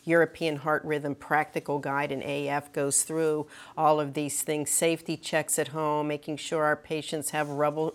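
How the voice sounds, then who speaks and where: A woman with a notably low voice, talking as a clinician on a medical panel. She explains in an earnest, careful way, with many ums and restarts as she works through her points. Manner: earnest, explanatory, frequent fillers.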